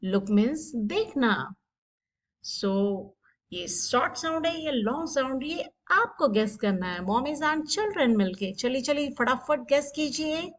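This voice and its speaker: Woman, kids' phonics teacher, high voice, Hindi-mix, coaxing. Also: expressive, slow pace. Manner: mixes Hindi and English, urges kids on. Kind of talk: phonics quiz lesson.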